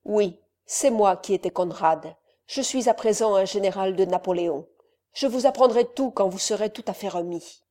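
Woman reader as a calm, reassuring general, mellow tone. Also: mid-range voice, normal speed, close to an everyday voice. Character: calm middle-aged male general, the uncle.

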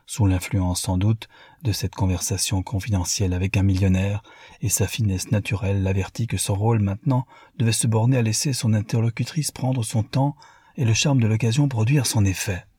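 A man narrating a novel as an audiobook, in a measured literary reading. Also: on the low side, steady tone, mellow, slightly rough, dry recording, studio quality.

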